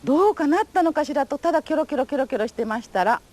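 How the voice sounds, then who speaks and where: A woman's voice: high voice, animated, very fast, a little mellow. An older woman giving a recorded testimony interview, telling her memories in polite, formal, vivid storytelling. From Japan. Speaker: atomic bomb survivor giving testimony.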